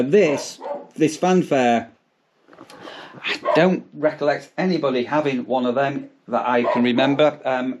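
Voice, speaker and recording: A male vlogger with an English accent chats casually to camera in a rambling way, as if narrating his day. His voice is mid-range, and there is background noise.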